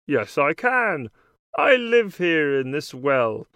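A small, ugly storybook frog pleads earnestly to be let in, voiced by the narrator. His lines sit somewhat higher than the reader's normal voice, with lively rises. The recording is close and dry. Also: takes it slowly, no room sound, exaggerated voice. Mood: pleading.

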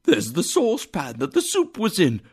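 A man voicing an old male miser who cries out in an excitable, exclamatory way. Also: on the high side, a little slow, vocal fry, exaggerated voice. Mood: giddy.

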